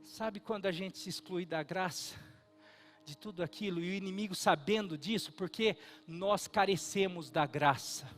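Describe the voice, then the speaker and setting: A man's voice: high-pitched, normal speed, fairly bright tone, faint music behind. A middle-aged Brazilian man, a pastor, preaching an earnest and emphatic sermon at a church service. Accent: Brazilian Portuguese.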